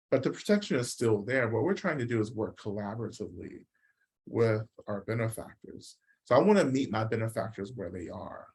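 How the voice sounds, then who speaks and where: A man's voice: medium pitch, slightly rough. A man teaching a Buddhist practice session, explaining ideas in a reflective way and often checking in with "right?". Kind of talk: dharma talk answering questions.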